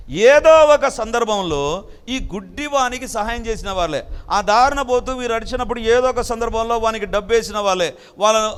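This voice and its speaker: A man's voice: sits high, fairly bright tone, smooth, in a large hall. A male pastor giving an emphatic sermon, full of rhetorical questions to his listeners and with English phrases mixed in.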